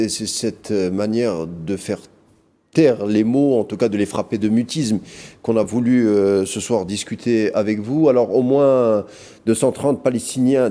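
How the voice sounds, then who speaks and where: A man hosting a TV interview, asking questions in formal, measured phrasing. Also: on the low side, mellow. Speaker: TV news host.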